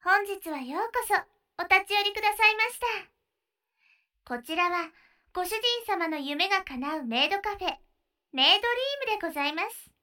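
A woman voicing a sweet, attentive young maid in an ASMR roleplay, speaking with polite honorifics and gently guiding her master. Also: extremely high pitch, full character voice. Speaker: maid café maid.

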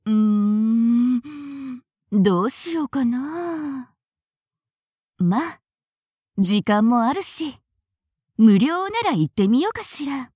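A high, lively voice, slow and hesitant, rising and falling a lot as a woman plays a naive, easily flustered young woman in an audio drama. She stays polite and stammers over her words, and the voice sounds close and dry. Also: breathy edge, no echo, full character voice.

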